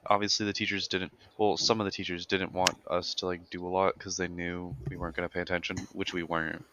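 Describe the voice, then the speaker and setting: A teenage boy with a low voice tells a story about his day in a relaxed, slangy way. He speaks in casual podcast chat. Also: fast, slight background noise. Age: teens. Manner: laid-back storytelling, slangy. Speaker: podcast co-host.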